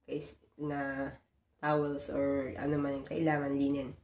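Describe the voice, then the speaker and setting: Speaking from a small bedroom into a close-range phone camera, a hotel housekeeper in her forties earnestly explains her work step by step in a casual vlog, mixing in English phrases. Her voice is extremely low and darkish, delivered completely flat and a little slowly. The room echoes and the recording is muffled.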